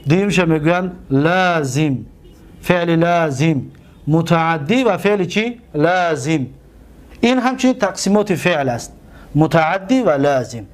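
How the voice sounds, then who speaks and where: A man with a fairly high voice and a Tajik accent teaches a grammar lesson. He drags out example words slowly and poses questions to the class that he answers himself. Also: lively intonation.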